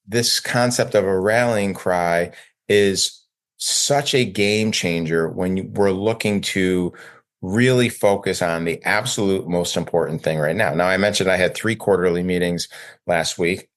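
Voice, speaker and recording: A man hosting a solo business podcast, talking conversationally with fillers and self-corrections. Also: deep voice. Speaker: dental practice coach and podcast host.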